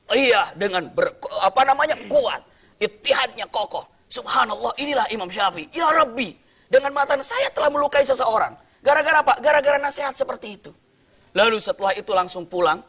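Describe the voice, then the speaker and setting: A middle-aged man from Indonesia preaching a sermon, telling a story with sudden cries and hushed asides. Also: very high voice.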